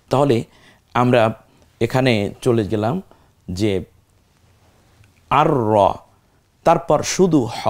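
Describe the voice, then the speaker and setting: A man teaching Quran recitation, building words syllable by syllable and repeating each one slowly. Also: mid-range voice. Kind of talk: step-by-step recitation lesson.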